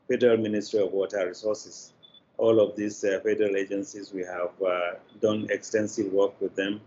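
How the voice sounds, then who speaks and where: An older Nigerian-accented man, a managing director, answers interview questions formally and with some hesitation over a video call from an office room. His voice is lowish and slightly mellow. The call audio is dull with a faint layer of noise.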